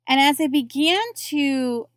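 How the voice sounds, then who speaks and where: A woman's voice: sits high, fairly even intonation, measured pace, no echo. Chatty woman telling her story, dry sound. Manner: chatty, frequent self-corrections and little laughs. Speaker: network marketer. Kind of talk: personal story monologue.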